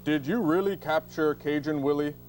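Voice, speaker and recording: A man's voice: on the high side, moderate pace, darkish tone, slight background noise, natural voice. A man playing an earnest, official police detective with a formal, dramatic manner in a comedy audio drama.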